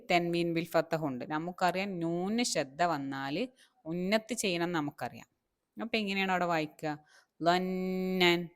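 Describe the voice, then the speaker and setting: A woman teaching Arabic reading, drawing out each word and asking her listeners questions. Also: fairly low pitch. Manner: drawn-out repeated words between quick explanations. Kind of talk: slow reading lesson.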